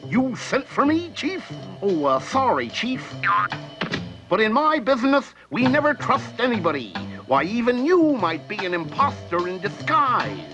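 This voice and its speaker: A man's voice: extremely high pitch, big pitch swings, a little slow, music in the background, full character voice. A man voicing a paranoid, self-important cartoon detective. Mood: suspicious. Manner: suspicious, officious.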